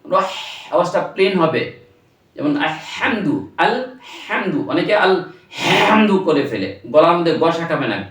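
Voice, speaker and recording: A man teaching Quran recitation, patiently explaining pronunciation and then demonstrating it in slow, drawn-out chanting. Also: on the high side, roomy sound, recorded from a distance.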